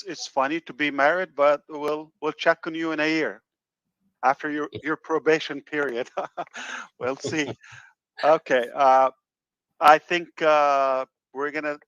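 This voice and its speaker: A man hosting a webinar over a video call, talking in a reassuring, halting way with many fillers. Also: on the high side, sharp tone, no echo, highs cut off. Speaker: webinar host. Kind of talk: casual webinar talk.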